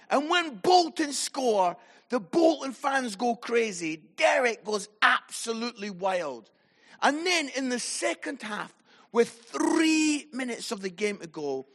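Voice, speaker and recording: A middle-aged Scottish pastor telling funny stories in a sermon, acting out voices and shouting in his anecdotes. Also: extremely high pitch. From Scotland. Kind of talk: humorous sermon storytelling.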